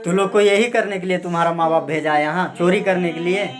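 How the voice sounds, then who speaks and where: A man's voice: high voice, steady tone, brisk, a crowd in the background. A man angrily interrogating and scolding people indoors, repeatedly barking "huh?" and issuing demands. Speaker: man confronting suspected thieves. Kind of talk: heated interrogation. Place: rented room, indoors.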